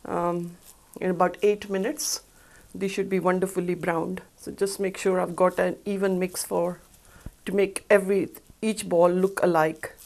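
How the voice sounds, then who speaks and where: A woman's voice: fairly low pitch, level tone, unhurried, creaky, a little mellow. A middle-aged woman hosting a cooking show, explaining each step in a chatty, upbeat way as she works in a studio kitchen. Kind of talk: cooking demonstration. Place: studio kitchen set, indoors.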